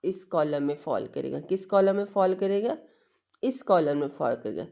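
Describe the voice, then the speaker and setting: A woman's voice: deep voice, expressive, normal speed, creaky, mellow. A woman teaching an English lesson to students, patiently asking questions and answering them herself while mixing two languages. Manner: mixes Hindi-Urdu with English, calls students "beta". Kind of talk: classroom lesson explanation.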